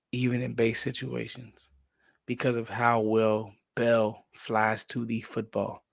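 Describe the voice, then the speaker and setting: A man hosts his own football show, talking through game film with casual animation. His voice has a gravelly, fried texture. The sound is dry and close, with no room behind it. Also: mid-range voice, dry recording. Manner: animated, drops to a whisper at times. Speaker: sports podcast host.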